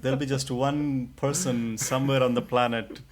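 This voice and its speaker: A man's voice: mid-range voice, fairly even intonation, normal speed. A man co-hosting a podcast in a casual, chatty way with frequent restarts. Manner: chatty, many restarts and fillers. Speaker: podcast co-host.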